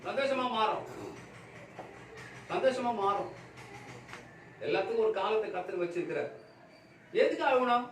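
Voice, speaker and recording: A male pastor giving a Sunday sermon with emphatic, repetitive exhortation, swinging between loud raised calls and quiet low passages. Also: lively intonation, normal speed, pauses often, soft background music. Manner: emphatic preaching with repeated phrases. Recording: echoey room, from far off, faint background noise.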